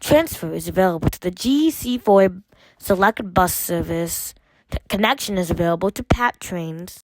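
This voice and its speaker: Reading train announcements from a script, a woman sounds like an automated announcer, with measured stock phrases split into segments. Her voice is fairly low with lively intonation, and there's no echo but poor audio.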